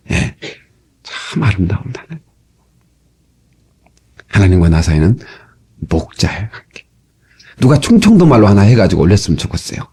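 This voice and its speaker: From an old cassette recording made in a church sanctuary comes a male pastor's mid-range, slightly breathy voice. He preaches in a lively, folksy style and often calls for a response from his congregation.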